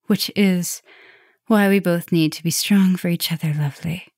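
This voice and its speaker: A woman voices a caring, softly dominant vampire professor in an ASMR roleplay, speaking gently and intimately to the listener and dipping breathily toward a whisper. Her voice sits on the low side, steady and unhurried, with a serious, protective mood. The studio recording is clean and dry.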